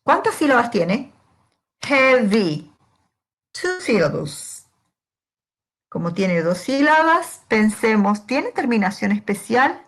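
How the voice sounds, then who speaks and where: Female language teacher, unhurried, patient, asks the class questions and answers them herself. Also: fairly high pitch, very animated. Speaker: English teacher. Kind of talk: slow, step-by-step grammar lesson.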